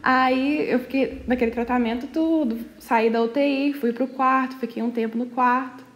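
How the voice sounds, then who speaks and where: A young adult woman from Brazil telling her personal testimony in an earnest storytelling manner, often slowing down, with frequent fillers. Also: high voice, fairly even intonation. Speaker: church member sharing testimony.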